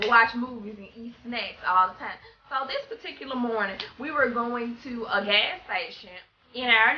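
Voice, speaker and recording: A woman's voice: fairly high pitch, highs cut off, a little hiss or hum. A young woman, telling a story casually to her viewers and acting out the voices in it. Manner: animated, acts out quoted dialogue. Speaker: vlogger. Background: soft background music.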